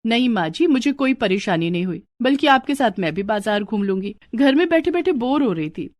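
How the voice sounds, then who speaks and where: A woman's voice: fairly high pitch, very animated, fairly quick, no echo, clean studio sound. Woman doing a curious young daughter-in-law. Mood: inquisitive.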